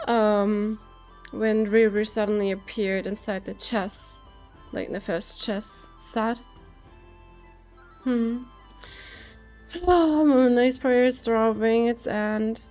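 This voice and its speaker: A woman giving casual game reaction commentary, thinking aloud in a halting, musing way. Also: medium pitch, darkish tone. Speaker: streamer. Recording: game music behind the voice.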